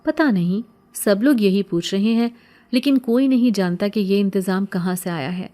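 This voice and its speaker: A woman's voice: mid-range voice, dark tone, lightly acted. A woman voicing a plain-spoken, reassuring neighbour man in a storybook.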